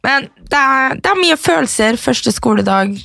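A woman's voice: sits high, expressive, creaky, pushed and bright, no room sound, studio quality. A woman in her twenties co-hosting a podcast, telling stories in casual chat and laughing often. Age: 20s. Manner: chatty storyteller, laughs often. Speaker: podcast co-host.

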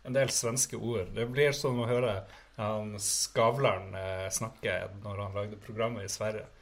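A man's voice: on the low side, steady tone. A man co-hosting a show, chatting casually. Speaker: co-host. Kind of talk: casual chat.

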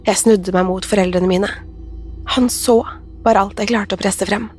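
Husky woman narrating a horror story. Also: medium pitch, steady tone, darkish tone, faint music behind. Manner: measured, suspenseful.

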